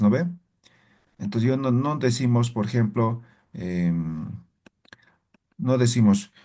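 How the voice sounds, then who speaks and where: A man's voice: mid-range voice, darkish tone, slightly rough. A man teaching a language class, explaining step by step and checking in with frequent tag questions. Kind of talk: classroom lesson.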